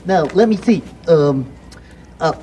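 A man performing a giant, gentle, childlike male bird puppet on a 1960s children's TV show, talking in a halting, stammering, innocent way. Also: on the high side, animated, slight background noise. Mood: eager.

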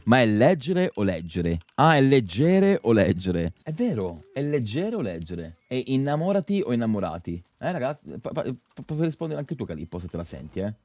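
An Italian man streaming and chatting with friends, mocking and teasing, swinging between low mutters and loud outbursts. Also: big pitch swings, moderate pace, hardly any pauses, no echo. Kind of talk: casual streaming chat.

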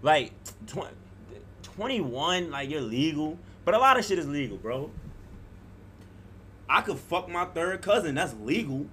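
A man's voice: fairly high pitch, big pitch swings, measured pace, noisy background. A man in his twenties livestreaming a game, joking crudely and talking to his chat. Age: 20s. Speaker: streamer. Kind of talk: casual gaming livestream chat.

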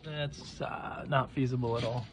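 Hushed, tense man on a noisy phone recording. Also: mid-range voice, fairly even intonation, a little slow. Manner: tense, hushed, talking to viewers. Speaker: urban explorer vlogger. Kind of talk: casual vlog narration. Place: inside an abandoned church. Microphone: phone camera.

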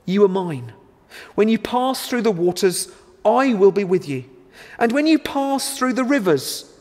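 A man in his thirties preaches in a high voice, unhurried and deliberate. His earnest words ring out with a long reverberant tail from a large church interior. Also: a little mellow. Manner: measured, earnest, deliberate delivery. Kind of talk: recorded sermon to camera.

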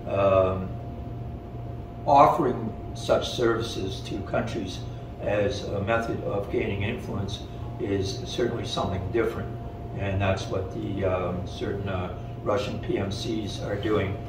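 An older man, a guest speaker answering audience questions in a measured, hesitant way with many fillers, recorded from the audience in a wood-panelled room. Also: fairly low pitch, fairly even intonation. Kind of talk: lecture Q&A. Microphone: far camera in the audience. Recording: echoey room from far off, noisy.

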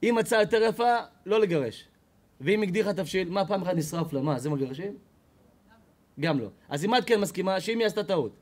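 A rabbi delivers a spirited sermon in a high voice. He tells stories to his audience and swings between loud outbursts and low asides. The man talks with a preacher's flair. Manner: expressive storyteller, acts out quoted people with loud high shouts. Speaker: rabbi giving a Torah class. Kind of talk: animated sermon.

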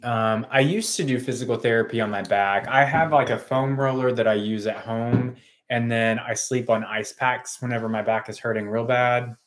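Relaxed rambling man in his thirties. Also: mid-range voice, moderate pace. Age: 30s. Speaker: co-host. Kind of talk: casual livestream chat. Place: home kitchen, indoors.

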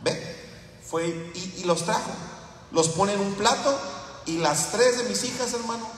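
A man's voice: high-pitched, unhurried, slight background noise. A man preaching a sermon as pastor, mixing folksy stories with fervent appeals. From Latin America. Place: church sanctuary. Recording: echoey church hall, mic far off.

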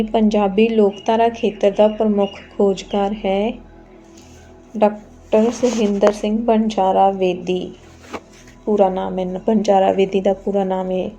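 A woman's voice: medium pitch, warm tone. A woman, teaching an exam quiz lesson, reading out each question and its options and then giving the answer politely and patiently.

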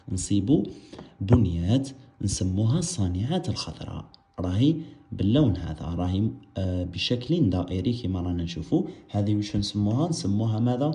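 A man's voice: on the low side, dark tone, echoey room. A man with an Algerian Arabic accent teaching a biology lesson, asking his students questions and answering them himself while repeating the key terms. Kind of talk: explaining a science lesson.

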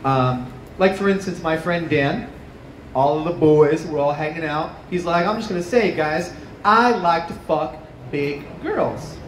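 A man in his thirties doing a stand-up comedy set into a handheld mic, animated, jumping to high yelps on punchlines, with an audience laughing. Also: a little slow. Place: small outdoor rooftop stage with plants. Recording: distant camera, roomy echo, noisy ambience. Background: live audience laughter.

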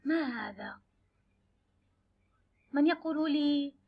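A woman teaching young children, sounding out letters and words slowly and clearly. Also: sits high, dull audio. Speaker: kindergarten teacher. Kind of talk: children's lesson.

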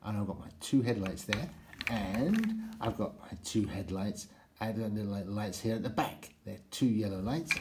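A man voicing a cheerful talking red toy dump truck that slowly counts out its own parts. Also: fairly low pitch, lively intonation, background noise. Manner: slow and counting, explaining itself.

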